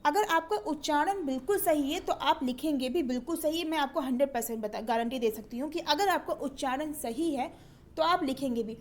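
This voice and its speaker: A woman with a high voice leads an exam-prep spelling lesson. She works through each word slowly and repeats it again and again. She keeps asking the viewer what comes next in a patient, repetitive way. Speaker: Hindi teacher.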